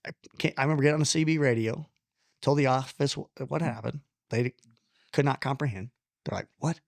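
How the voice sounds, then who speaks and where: Gravelly-voiced man telling a wild story. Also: mid-range voice, fairly quick, no echo, studio quality. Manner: animated, blunt, self-deprecating storyteller with mild swearing. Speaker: podcast guest. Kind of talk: casual storytelling conversation.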